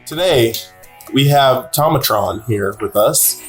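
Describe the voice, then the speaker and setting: A man's voice: medium pitch, expressive, takes it slowly, over loud music. A man co-hosting a comedy podcast in casual improvised banter.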